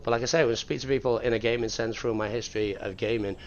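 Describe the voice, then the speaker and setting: A man's voice: medium pitch, steady tone, racing. Rambling, swearing gamer man. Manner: rambling, repetitive, swears freely. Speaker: gamer streamer. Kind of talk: rambling casual gaming commentary. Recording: muffled lo-fi with loud vehicle noise.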